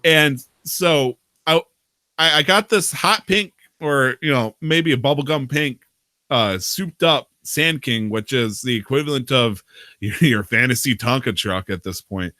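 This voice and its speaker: A man's voice: mid-range voice, a little slow, bright, forceful tone, no echo, studio quality. A man hosting a podcast, casually telling a long, profane, rambling story about his roleplay game character, laughing often. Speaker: podcast host.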